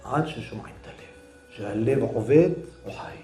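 A man delivering a storytelling sermon as a religious teacher, swinging from loud dramatic outbursts to hushed whispers. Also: medium pitch. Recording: echoey room with faint music.

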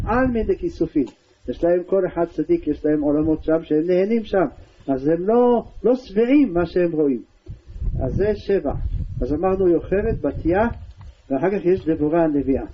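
A male religious teacher giving a storytelling Torah lesson, his voice pitched high for a man. He narrates with animated retelling. The recording sounds dull and lo-fi, with faint background hiss.

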